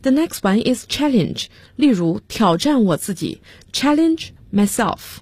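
A woman's voice: on the high side, sing-song, measured pace, a little mellow, breathy edge, dry recording, studio quality. A woman teaching English vocabulary on a radio lesson, spelling words out letter by letter and giving example sentences.

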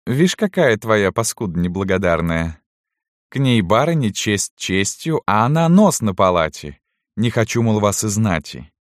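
Guy doing a nasty mocking noblewoman widow, high sneery sing-song, loud, dry close sound. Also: very animated, a little slow, dry recording. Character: cruel mocking noblewoman, middle-aged widow landowner.

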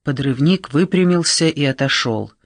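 Guy narrating a thriller audiobook, slightly high voice, dry close sound, slow tense phrasing. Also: dry recording. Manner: measured, dramatic delivery with slowed phrases.

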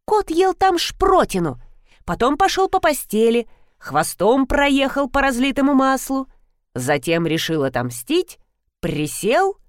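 A woman narrating a first-person audiobook in an expressive, amused way. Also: high voice, a little slow, no room sound, clean studio sound. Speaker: audiobook reader.

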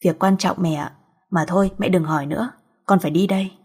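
A woman's voice: lowish voice, fairly even intonation, a little fast, a little mellow, slightly rough. A woman voicing a curt, evasive young man brushing off his mother's questions. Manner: brief, dismissive.

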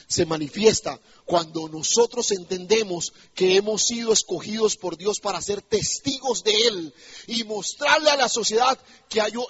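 High, husky-voiced male pastor preaching. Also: fairly bright tone, highs cut off. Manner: emphatic preaching with rhetorical questions to the congregation. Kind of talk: sermon. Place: church.

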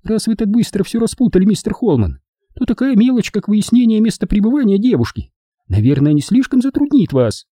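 Brief: male reader as a piercing, contemptuous woman in an audiobook, snapping lines, husky edge. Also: big pitch swings, fairly quick, warm tone, no echo, clean studio sound, heavily acted. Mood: sneering. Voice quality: piercing falsetto. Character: shrill scornful woman, sharp-tongued and frantic. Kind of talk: audiobook character voice.

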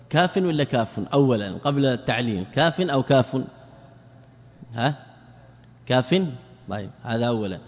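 A man teaching a grammar lesson, quizzing his students and repeating key words slowly. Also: mid-range voice, a little mellow. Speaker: Islamic scholar teaching a class. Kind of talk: classroom lesson with questions to students. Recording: long hall reverb.

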